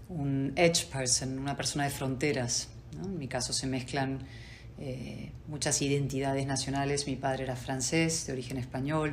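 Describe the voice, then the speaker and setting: A very deep-voiced woman in her forties, born in Spain and raised in Buenos Aires and London, appears as a politician guest on a video call from a home study lined with bookshelves. She answers interview questions articulately and assertively, measured and with pauses, over a slight hiss or hum.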